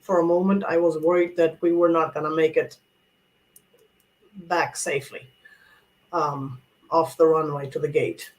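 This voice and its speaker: A man's voice: a little high, steady tone, a little slow, pauses often, low-quality recording. A man vlogging casually about his travels, chatty and rambling, with many restarts and asides.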